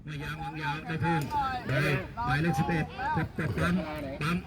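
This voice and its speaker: Amid a loud crowd at the pitch, a man from Thailand calls a local football match in a chatty way, trading jokes with those around him. His delivery is flat and his pace moderate.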